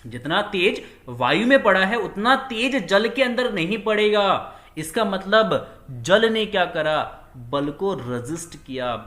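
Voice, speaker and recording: Lively, high-voiced man teaching physics. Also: slow pace, roomy sound. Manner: repeats key words, asks questions and answers them himself; acts out little scenes with quoted dialogue. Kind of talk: classroom lecture.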